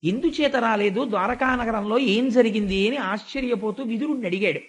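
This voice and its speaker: A man's voice: very high-pitched, a little fast. An older man giving a devotional discourse, telling scripture stories and voicing the people in them. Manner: storytelling with voiced quotes. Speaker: spiritual speaker.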